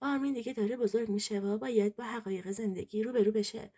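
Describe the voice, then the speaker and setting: A cold, selfish husband who brushes things off in a flat, dismissive way, as a woman narrator reads him. The voice stays mellow and slightly husky. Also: on the high side.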